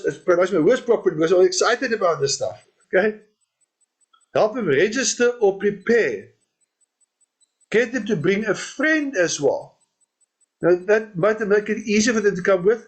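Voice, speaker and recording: A man giving an informal training talk who repeats his points and laughs at his own jokes. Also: sits high. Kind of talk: training talk on network marketing events.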